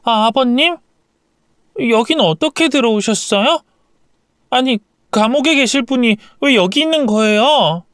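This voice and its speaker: A man voicing a gentle young wife who soothes and pleads with her husband, in an audio story. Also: high voice, very animated, measured pace, clean tone, no echo, studio quality. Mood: alarmed.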